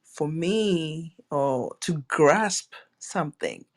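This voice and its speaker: A soft-spoken woman from Ghana joins a reflective spiritual conversation as a returning guest. She speaks thoughtfully and offers quiet murmurs of agreement. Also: deep voice, animated, extremely slow.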